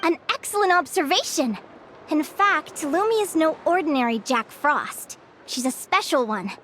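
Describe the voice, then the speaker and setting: Bubbly high-voiced young advisor. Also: female voice, moderate pace, slight background noise. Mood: explaining. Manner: bubbly and animated, given to giggles. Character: cheerful young woman guild advisor, eager and curious. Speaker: guild advisor. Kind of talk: video game voice acting. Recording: game audio with clear music. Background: game music.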